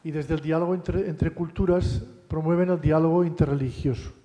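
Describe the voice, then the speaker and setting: A man giving a university lecture in a relaxed, conversational way, often adding tag questions and restarting phrases. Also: on the high side, normal speed. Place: lecture hall. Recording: long hall reverb.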